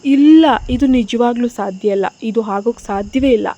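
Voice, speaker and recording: A grieving young mother, frantic and accusing, as a woman reading the story puts her on. The voice sits a little high yet sounds mellow and dark. She pleads and then lashes out. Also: normal speed, lo-fi sound, natural voice. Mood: defiant. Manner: pleading, then shouting and blaming.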